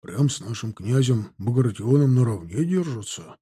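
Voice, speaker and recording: A man reading aloud, voicing a simple young soldier who talks in a hushed, wondering tone. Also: medium pitch, animated, normal speed, husky. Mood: awed. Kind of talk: audiobook character voice.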